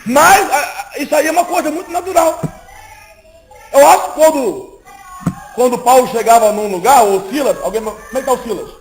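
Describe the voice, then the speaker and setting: A man delivers a sermon in a lively, conversational way, acting out little exchanges between people. His voice sits unusually high for a man. A faint hiss runs underneath. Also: fairly quick, low-quality recording. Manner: lively, conversational preaching that acts out little dialogues. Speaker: preacher. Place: church meeting, indoors.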